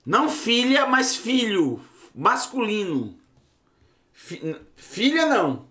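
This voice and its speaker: A man's voice: high-pitched, huge pitch swings, takes it slowly, bright, forceful tone, echoey room. A man teaching a Hebrew language lesson to his students, emphatic and full of rhetorical questions. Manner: emphatic, rhetorical questions, bursts into raised exclamations.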